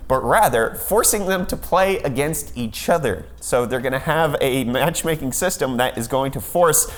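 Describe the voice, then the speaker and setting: A man's voice: mid-range voice, animated, moderate pace. Sarcastic man hosting tech news. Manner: sarcastic, jokey segues. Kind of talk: casual tech news rundown.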